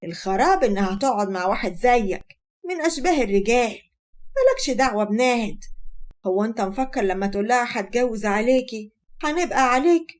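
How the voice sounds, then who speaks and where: A woman voicing a sharp-tongued middle-aged Egyptian mother-in-law who scolds and insults her son-in-law. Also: on the high side, expressive, brisk, lightly acted. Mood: scornful.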